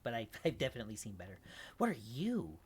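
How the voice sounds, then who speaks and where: A woman's voice: a bass voice, wildly swooping pitch, fast talker, darkish tone, breathy edge. A woman streamer chatting and reacting aloud as she plays a game, laughing often. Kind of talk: let's play commentary.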